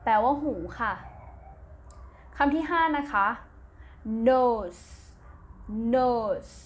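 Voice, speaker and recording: This Thai-accented woman has a high, unhurried voice. She teaches primary English in a slow recorded classroom lesson, spelling each word letter by letter, saying it twice, and then giving its meaning. Her manner is gentle and patient, with polite particles closing her phrases.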